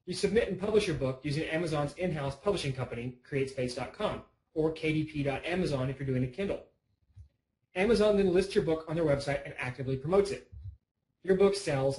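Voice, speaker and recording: A man's voice: fairly high pitch, quick pace, darkish tone, rough recording. Chatty, rambling man teaching a webinar. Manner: rambling, chatty, self-interrupting. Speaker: online course presenter. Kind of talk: casual webinar lesson.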